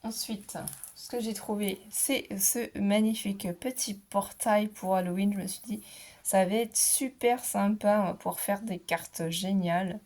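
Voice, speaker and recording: A woman's voice: medium pitch, steady tone, unhurried, a little mellow. A middle-aged woman chatting casually about her craft haul, hesitant, with many fillers. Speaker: scrapbooking vlogger.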